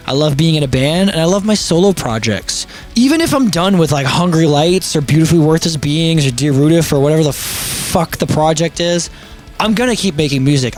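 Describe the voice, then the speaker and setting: A young man, a band singer and vocal teacher, rambling casually on a livestream, swearing freely and acting out quotes in animated voices. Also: fairly high pitch. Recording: faint background music.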